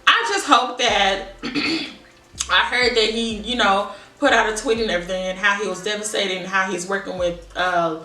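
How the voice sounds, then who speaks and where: A young woman talks casually to her viewers in a bright, forward voice. She rambles and thinks aloud in a conversational way. The sound is echoey, picked up at some distance from the mic in a room. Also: medium pitch, moderate pace. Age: young adult. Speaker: vlogger. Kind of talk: casual chit-chat monologue.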